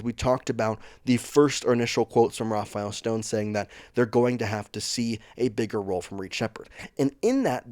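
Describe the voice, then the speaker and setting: A man's voice: mid-range voice, darkish tone, no room sound, studio quality. A man hosting a sports channel, talking through team news in a chatty, opinionated way that speeds up in bursts. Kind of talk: casual sports commentary vlog.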